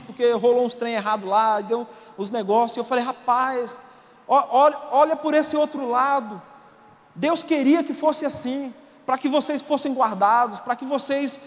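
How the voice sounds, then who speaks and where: A Brazilian man preaching a sermon as pastor, animated and colloquial, swinging from soft asides to shouts. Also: extremely high pitch. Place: church auditorium. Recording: long reverb of a large hall.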